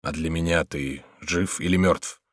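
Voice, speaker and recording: Man doing a low weary melancholy king. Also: steady tone, measured pace, dry recording, studio quality. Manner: subdued, mournful, pleading.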